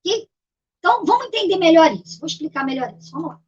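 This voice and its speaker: A woman's voice: very high-pitched, animated, fast talker, darkish tone. A middle-aged woman, a literacy teacher giving a patient video lesson and repeating key terms as she explains step by step. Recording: dull lo-fi recording.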